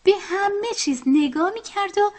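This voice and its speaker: A woman reading a children's animal story aloud in a soft, hushed whisper. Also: very high voice, expressive, slight background noise. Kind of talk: whispered bedtime story narration.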